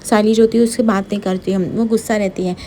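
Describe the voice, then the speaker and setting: A woman's voice: mid-range voice, steady tone, mellow, a little hiss or hum. A woman narrating a casual retelling of a TV serial episode, reading every character's lines herself. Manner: rapid, reads every character's lines plainly.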